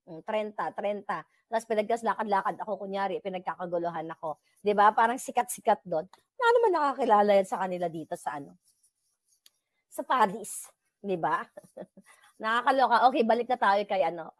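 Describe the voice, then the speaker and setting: A woman with a Filipino accent chats casually with her viewers, switching between Tagalog and English and laughing easily. Her voice sits in a middle register. The sound is close and dry, with no room echo. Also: medium pitch. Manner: chatty, mixes Tagalog and English, laughs often. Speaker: livestream host.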